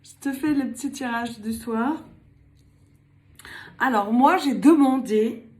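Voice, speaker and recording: A chatty older woman gives a casual tarot reading to camera in a fairly high, darkish voice, speaking slowly. She's playful, laughs often and sometimes slips into a put-on accent.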